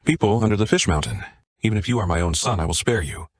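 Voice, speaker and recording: A man's voice: on the low side, quick pace, a little hiss or hum, lightly acted. A man reading as a formal old sect master. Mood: stern. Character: grateful old male martial sect master.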